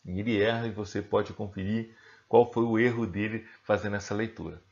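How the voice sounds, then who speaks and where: A man's voice: on the low side, steady tone, a little fast, vocal fry, a little mellow. Brazilian man teaching, slightly dull recording. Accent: Brazilian Portuguese. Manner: asks himself questions and answers them, checks in with the viewer. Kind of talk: recorded online lesson.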